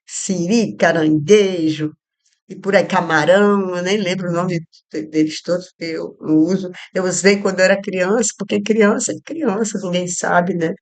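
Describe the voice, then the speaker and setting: At home, with street traffic outside and soft background music, a woman from Rio Grande do Norte in Brazil leads a relaxed Bible study. Her voice is fairly low and steady, at normal speed, with a Northeastern Brazilian Portuguese accent, and she drifts through asides with frequent fillers and restarts.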